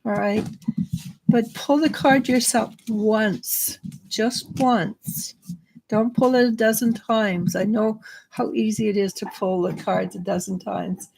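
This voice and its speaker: Slow gravelly woman doing live tarot readings, chatty. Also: medium pitch, steady tone, a little mellow. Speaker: psychic reader.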